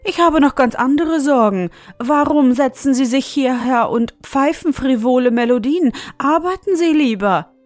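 A woman voicing a grumpy, stingy male hamster farmer in a storybook reading, speaking gruffly, loudly and with constant complaints. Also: sits high, normal speed, few pauses, no echo, soft background music, voice pushed up, close to an everyday voice. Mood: scolding.

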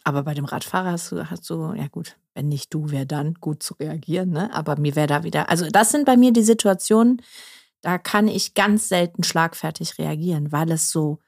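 Low-voiced woman in casual podcast chat. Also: a little fast, a little mellow. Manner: reflective, backchannels with short agreements. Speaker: podcast co-host.

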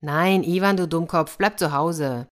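A woman's voice: deep voice, measured pace. A woman voicing the scornful elder brothers in a storybook tale, talking down to their youngest brother. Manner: mocking, dismissive.

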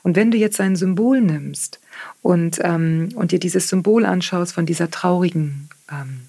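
Woman, German accent, author guest on a podcast, reflective, lowish breathy voice, dry close sound. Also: a little slow, warm tone, no echo. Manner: reflective, tags sentences with "ne?"; frequent hesitation fillers. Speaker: therapist working with clients. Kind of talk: podcast interview, explaining.

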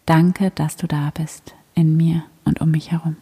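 A woman guiding a prayer meditation in a soft, breathy whisper, gentle and soothing. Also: low voice, flat delivery, measured pace.

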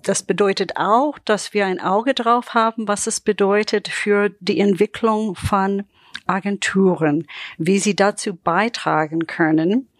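A woman's voice: medium pitch, fairly even intonation, unhurried, no room sound, clean studio sound. A middle-aged or older woman with an American accent in German, speaking reflectively as a podcast guest and searching for her words. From United States. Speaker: podcast guest, business development trainer. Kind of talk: conversational interview.

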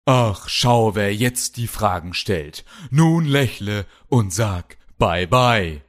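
A man's voice: lowish voice, lively intonation, slow pace. Man doing a defiant kung-fu brown bear hero. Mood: defiant anger. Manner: defiant, sarcastic. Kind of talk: audiobook character voice.

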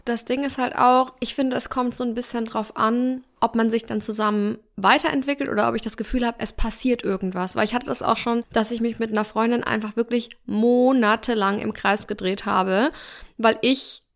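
A woman with a somewhat high voice talks casually with a friend on a podcast. She reacts warmly and chimes in with her own experiences. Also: steady tone. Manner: supportive, quick reactions. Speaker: podcast co-host. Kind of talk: casual chat.

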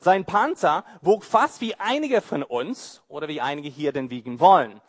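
A male pastor preaches a sermon in a high, swooping voice, taking his time. He's playful and mocking, animated, tossing out mocking asides and rhetorical questions.

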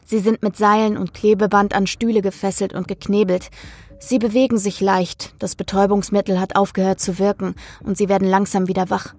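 A woman reading a first-person horror story in a measured, brooding narrating voice. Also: medium pitch, level tone, a little mellow.

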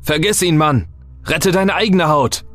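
A man voicing a panicky young male gang member who shouts in fear during a horror story. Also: deep voice, slow pace, faint music behind. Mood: frantic. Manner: shouting, frantic.

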